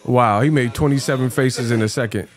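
This reaction channel host, a man in his thirties, talks fairly quickly in a mid-range voice. He records indoors in a small home studio on a close stand microphone, offering colloquial, teasing commentary that frequently repeats.

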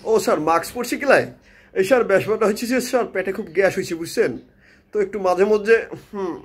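A man's voice: sits high, fast talker. A man voicing a cheeky male student who speaks the Old Dhaka dialect, with a brash, colloquial manner.

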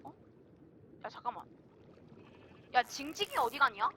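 Very high-voiced excitable woman gamer. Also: measured pace. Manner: excitable, shrieks and yells at the game. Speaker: gaming video host. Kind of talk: excited let's-play commentary. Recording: clear background noise and game sounds.

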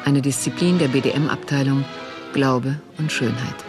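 A man's voice: mid-range voice, steady tone, unhurried. A man reading scripted documentary narration in terse, clipped sentences. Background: loud music.

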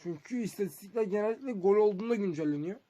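A man's voice: high voice, very fast, warm tone, no echo, dull audio. A man giving casual, conversational game commentary to his viewers as a streamer. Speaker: gaming streamer.

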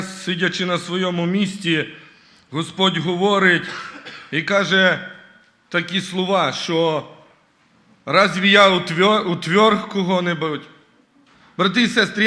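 Guy testifying in church, earnest, keeps saying you know, real sharp tense voice. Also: fairly high pitch. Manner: earnest, repeats "you know" and "brothers and sisters" often. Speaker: church member giving his testimony. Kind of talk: church testimony with scripture reading. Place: church service.

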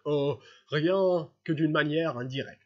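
Un fonctionnaire obséquieux et rusé qui supplie en s'abaissant, lu par un homme dans un livre audio. La voix est voilée, un peu rauque. Le son est légèrement étouffé. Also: male voice, fairly high pitch, takes it slowly, highs cut off. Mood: pleading. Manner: wheedling, self-abasing pleading. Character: fawning scheming middle-aged male clerk.

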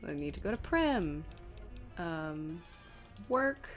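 Deep-voiced and sing-song, this gaming streamer speaks at a slow pace with faint music behind her. She keeps up a casual, self-deprecating ramble, thinking aloud and reading chat aloud during play.

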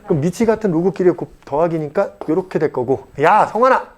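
A man teaching a math class at a cram school, blunt and chatty, joking and mock-scolding his students and checking in with quick questions. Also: fairly high pitch, lively intonation, mellow, a little hiss or hum. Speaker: math tutor.

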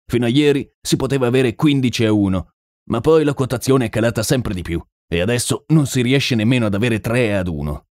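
A man's voice: medium pitch, fairly quick, darkish tone, no room sound, studio quality, lightly acted. A man voicing a stern, proud older colonel who owns a racehorse, cold and clipped in manner. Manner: cold and clipped, then agitated.

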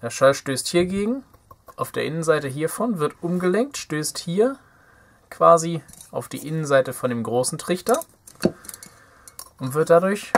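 A young man who hosts DIY electronics videos works at an indoor workbench, giving casual hands-on commentary. He thinks aloud and mutters playfully to himself in a voice on the high side, against a noisy background.

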